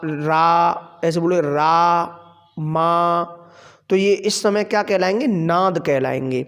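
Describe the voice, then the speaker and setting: A Sanskrit grammar teacher, a man with a high voice, gives a classroom lecture at an unhurried pace, explaining slowly. He poses questions to the class and answers them himself, while a long reverb trails his voice as though in a large hall.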